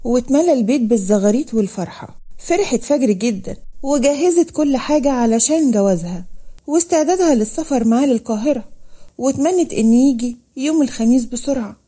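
A woman with an Egyptian accent narrating a scripted village love story in a steady, plain manner. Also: high voice, quick pace, breathy edge.

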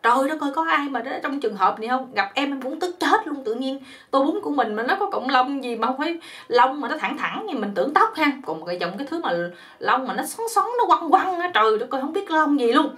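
Lady telling a funny poem, super expressive, keeps exclaiming, voice on the high side. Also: fast. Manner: animated, exclamatory, chatty. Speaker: channel host, joke teller. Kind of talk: telling a humorous folk poem.

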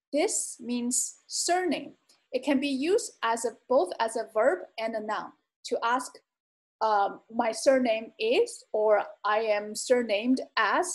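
Slow, patient woman teaching words. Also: on the high side. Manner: patient, repeats each word twice with careful tones. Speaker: Chinese language teacher. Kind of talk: slow explanatory lesson narration.

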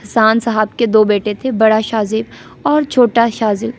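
A woman's voice: fairly high pitch, steady tone, measured pace, a little hiss or hum. A woman reading a romantic novel aloud as an audiobook, speaking both the narration and every character's lines herself. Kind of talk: storytelling narration with character voices.

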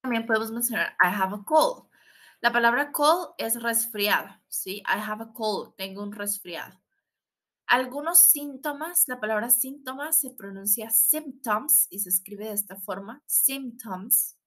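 Bright-voiced woman teaching English. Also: on the high side, lively intonation. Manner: explains in Spanish, models English words slowly, adds tag questions. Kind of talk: recorded online language lesson.

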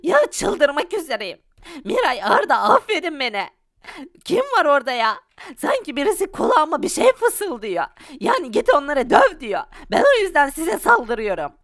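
A woman's voice: high voice, very animated, normal speed, gravelly, a bit bright, no room sound, studio quality, full character voice. A woman voicing a confused, moody poor father in a Minecraft parody, fretting aloud to himself. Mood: fretful. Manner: fretful, talking to himself.

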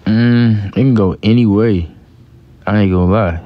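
A young American man chatting casually on a livestream, answering comments in a tired, laid-back, slangy way with a gravelly voice. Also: fairly low pitch, a little slow. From Gary, United States. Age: young adult. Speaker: live streamer, actor. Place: small room indoors, lying down. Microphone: handheld phone at close range. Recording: muffled phone livestream with background noise.

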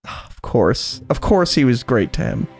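A man co-hosting a reaction video, chatting casually and bursting into animated exclamations. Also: mid-range voice, unhurried, breathy edge, soft background music. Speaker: co-host of a reaction channel.

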